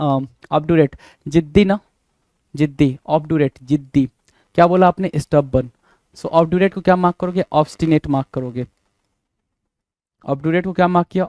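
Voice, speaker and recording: Man drilling vocabulary in a dry, mellow voice. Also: on the high side, no room sound. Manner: repetitive, spells words letter by letter, quizzing the viewer; mixes Hindi and English. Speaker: English vocabulary teacher. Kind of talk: exam-prep vocabulary lesson.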